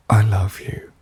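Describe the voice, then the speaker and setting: A man plays a devoted, possessive yandere witch in an intimate ASMR roleplay, speaking softly and breathily, often close to a whisper, murmuring endearments slowly and tenderly. There is no echo.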